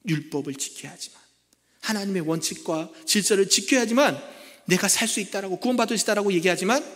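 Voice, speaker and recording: A man, a senior pastor, preaching a sermon in a church and asking the congregation rhetorical questions, moving between loud pleas and hushed asides. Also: high voice, quick pace. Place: church sanctuary. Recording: long echo of a church hall.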